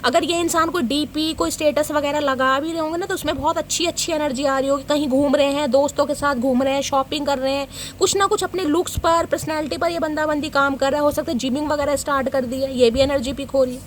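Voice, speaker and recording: A woman's voice: high voice, steady tone, quick pace, hardly any pauses, slight background noise. A woman giving a casual tarot reading to her viewers, chatty and teasing, who scolds and jokes as she goes. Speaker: tarot reader.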